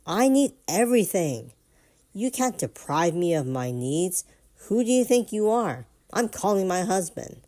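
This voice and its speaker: A woman voicing an entitled, demanding shopper having a tantrum in a store, with a shrill, whiny voice. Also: expressive, unhurried, few pauses, dark tone, lightly acted. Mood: indignant.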